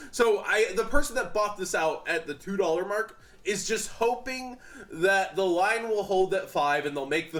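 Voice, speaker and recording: Sniffling and congested, this young card market commentator talks about card prices in a chatty, casual way, often restarting sentences and leaning on fillers. His voice runs somewhat high with a bit of brightness.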